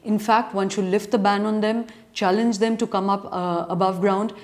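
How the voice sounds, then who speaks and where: A woman's voice: medium pitch, steady tone, moderate pace, darkish tone. A woman with an educated urban Indian accent, speaking as a journalist answering reader questions, earnest and argumentative in long, considered sentences. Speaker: journalist and editorial commentator. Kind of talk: answering reader questions in spoken editorial commentary.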